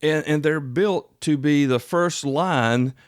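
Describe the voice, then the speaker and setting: Recorded in clean studio quality on a close podcast mic with no room sound, a solo host from South Carolina speaks slowly in a higher, clear-toned voice. His manner is easygoing and folksy, drifting through side remarks as he rambles.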